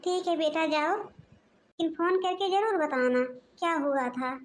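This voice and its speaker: A woman's voice: very high voice, unhurried. A woman voicing a bossy, scolding middle-aged mother-in-law in a cartoon. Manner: commanding, scolding.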